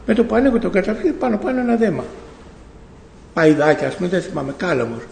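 A man's voice: sits high, sing-song, gravelly, darkish tone, slight background noise. A middle-aged man giving a spoken faith testimony to a congregation, telling the story in a storytelling way, acting out bits of dialogue and often correcting himself. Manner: storytelling, acts out dialogue, frequent self-corrections. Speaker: church member giving testimony. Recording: echoey hall with long reverb.

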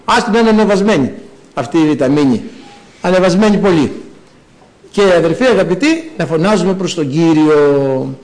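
Preacher guy, kinda high voice, jumps way up when he gets into the story. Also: rough recording. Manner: animated storytelling with sudden high bursts. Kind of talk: sermon.

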